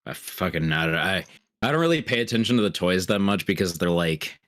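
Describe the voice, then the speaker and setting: A man's voice: deep voice, animated, a little fast, a bit bright, dry recording. A man chatting casually on a voice call, teasing his friend with dry jokes. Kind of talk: casual chat over voice call.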